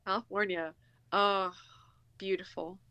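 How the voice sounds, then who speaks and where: A woman's voice: medium pitch, little pitch movement, measured pace, pushed and bright, clear, resonant tone, no echo. A woman chatting casually as a guest, reacting expressively with little interjections. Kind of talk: casual chat.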